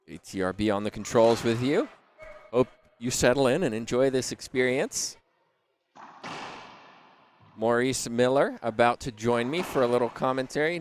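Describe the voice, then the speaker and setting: A man hosts a live racquet sport broadcast as commentator. His voice is medium in pitch, and he phrases things deliberately, pausing between points. Faint noise sits behind him.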